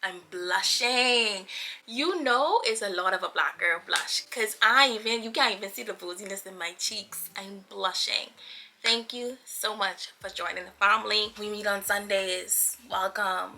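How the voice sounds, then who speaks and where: This 27-year-old Bahamian YouTuber and vlogger chats casually with her viewers, playful, effusive and full of slang. Her voice sits at medium pitch, with vocal fry and a sharp tone.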